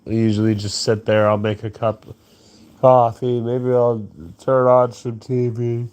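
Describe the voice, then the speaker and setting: A man's voice: mid-range voice, little pitch movement, unhurried, a little mellow, smooth. A sleepy young man rambling crudely through a late-night monologue, yawning and meandering. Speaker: streamer.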